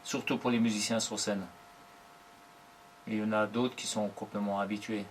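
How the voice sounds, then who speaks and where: A man in his forties, a professional drummer, giving unhurried, thoughtful interview answers in short broken phrases. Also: lowish voice, level tone, slight background noise. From Germany.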